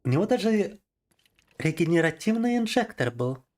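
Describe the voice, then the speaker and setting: A man's voice: sits high, very animated, normal speed, a little mellow. A man and native Russian speaker chatting casually on a gaming livestream, laughing often and explaining things to viewers as he plays, into a desk microphone.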